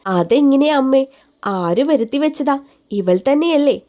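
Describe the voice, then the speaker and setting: A woman's voice: sits high, lively intonation, a little slow, mellow. A woman voicing a young male doctor who teases and looks out for a young woman, bantering with his mother. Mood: teasing, concerned. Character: young man, a doctor, teasing and protective.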